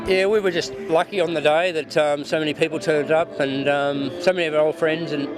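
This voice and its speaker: A man's voice: on the high side, steady tone, a little fast, music in the background. A man with an Australian accent, an event organiser, making casual unscripted remarks.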